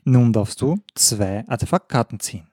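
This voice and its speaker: Mellow-voiced man patiently explaining rules. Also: mid-range voice, moderate pace, breathy edge, dry recording. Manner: patient, affirming with short "Jawohl" and "Richtig". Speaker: podcast co-host explaining the game rules. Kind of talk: casual chat over a board game.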